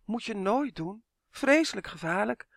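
A man squeaking as a panicky chorus of tiny fairies. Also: lively intonation, measured pace, creaky, a bit bright, dry recording, studio quality, heavily acted. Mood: warning. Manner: shrill, frightened cackling.

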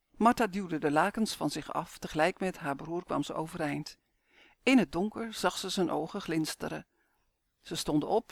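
A man's voice: sits high, gravelly, a bit bright, no room sound, studio quality. Man narrating a children's audiobook.

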